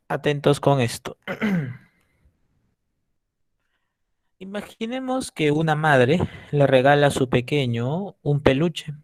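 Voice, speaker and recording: A man's voice: on the high side, no echo. A man teaching an exam-prep lesson, explaining with acted examples and checking in often with the class.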